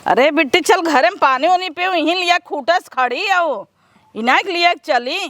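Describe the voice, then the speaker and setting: A woman playing a sharp-tongued rustic mother, high voice. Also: normal speed, no echo, studio quality. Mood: teasing. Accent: Awadhi. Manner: scolding, sarcastic. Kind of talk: comedy sketch.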